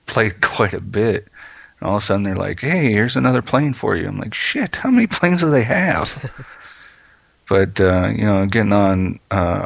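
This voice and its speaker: A laid-back man chats on a gaming podcast, hesitant and full of ums and uhs. His voice is deep and gravelly with a lot of fry. It is recorded dry and close. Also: no room sound. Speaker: podcast co-host. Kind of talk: casual podcast chat.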